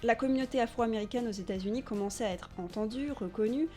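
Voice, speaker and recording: A woman from France narrates a documentary video essay in a measured, emphatic voice, slightly higher than most, dropping in pointed asides. Quiet music plays under her voice.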